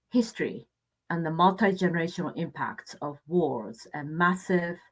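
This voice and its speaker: A middle-aged woman from Japan giving a conference presentation in a reflective, measured way, with hesitant fillers. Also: low-pitched, rough recording.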